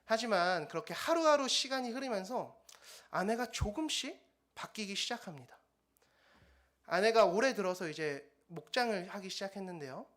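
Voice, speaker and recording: Animated young man preaching a sermon. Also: high-pitched, moderate pace. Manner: animated storytelling, acting out quoted dialogue. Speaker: junior pastor preaching. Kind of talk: dawn service sermon with personal testimony. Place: church sanctuary.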